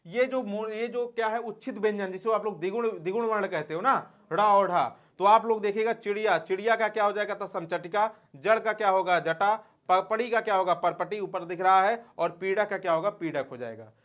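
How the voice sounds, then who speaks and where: A man's voice: high voice, a little fast, few pauses, a bit bright. A man teaching grammar for exams in a folksy manner, asking questions and answering them himself and calling his students dear friends. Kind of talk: exam-prep lesson.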